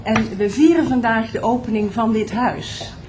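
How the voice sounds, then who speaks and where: Measured woman presenting an opening event. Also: on the high side, a little mellow. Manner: measured, welcoming. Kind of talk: formal introduction. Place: event hall at a building opening.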